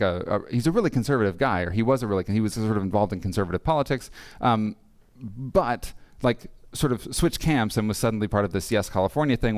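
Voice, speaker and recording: A man giving a casual, joking conference talk, full of fillers and restarts. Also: lowish voice. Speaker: conference speaker. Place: conference hall.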